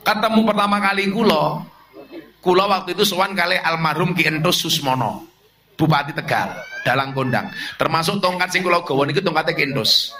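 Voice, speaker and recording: A man's voice: fairly high pitch, fairly quick. A middle-aged man with a Javanese accent preaching a sermon to a crowd, mixing humour and jokes with his lessons. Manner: humorous, animated preaching with jokes and Javanese asides.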